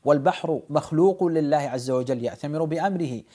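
A man's voice: on the high side, fairly quick, mellow. A man hosting a religious lesson programme, narrating a sacred story in formal phrasing with explanatory asides.

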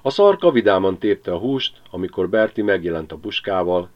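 A man narrating an audiobook with expressive storytelling. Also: sits low. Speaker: audiobook reader. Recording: slightly dull lo-fi recording.

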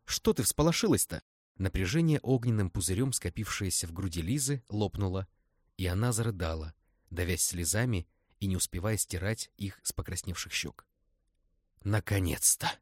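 A man narrating an audiobook in steady scripted storytelling. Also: low voice, fairly quick, no echo.

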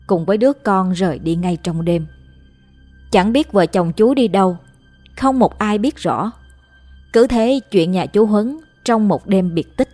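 A woman reads a ghost story aloud in steady, even scripted narration. Her pitch sits in a middle range. Soft music plays faintly beneath her voice.

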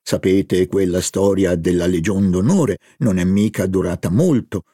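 A man's voice: sits low, unhurried, warm tone, breathy edge, no room sound, clean studio sound. A man reading an audiobook, voicing a scheming older society hostess with a coaxing, theatrical manner. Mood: indignant.

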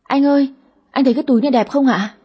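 A woman voicing a greedy, sulky daughter in her thirties with a high, whiny voice in an audio story. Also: fast talker, husky, highs cut off. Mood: coaxing. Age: 30s. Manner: whiny, cheeky.

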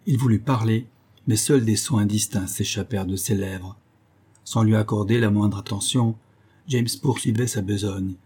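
A man narrating an audiobook in a steady, measured reading. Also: fairly low pitch, husky.

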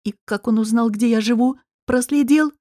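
Woman narrating an audiobook in a dark tone. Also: mid-range voice, normal speed, dry recording, studio quality. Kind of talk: first-person audiobook narration.

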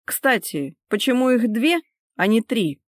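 A woman's voice: fairly high pitch, sing-song, measured pace, no echo, pitched above the performer's own voice. A woman voicing a stern, domineering husband who speaks in a clipped, sarcastic, commanding way, in a dry close recording. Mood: stern cold.

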